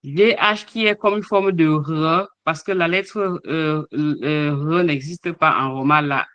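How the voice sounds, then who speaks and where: A man's voice: on the high side, fairly even intonation, slow pace, fairly bright tone, clear, resonant tone, no room sound, dull audio. A man teaching an online language lesson, hesitating often with fillers as he sounds out letters and example words. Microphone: online call microphone.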